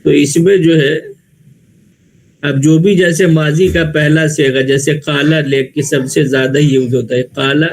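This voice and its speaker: Slowly and step by step, a man teaches Arabic grammar in a classroom lecture given in Urdu with an Indian Urdu accent. His voice is a little high with fairly even intonation, and he keeps asking questions that he then answers himself.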